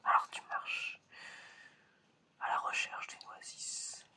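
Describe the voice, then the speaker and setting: Playing an odd examiner who tests whether the listener is human, this ASMR performer whispers slowly and hesitantly, circling back over the same phrases. The overall sound is pushed and bright.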